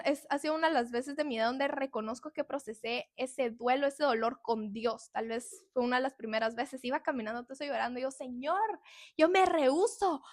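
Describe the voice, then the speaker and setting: High-voiced woman sharing testimony. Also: no room sound, studio quality. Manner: emotional, confessional, with soft laughs. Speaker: podcast host. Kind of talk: personal faith testimony.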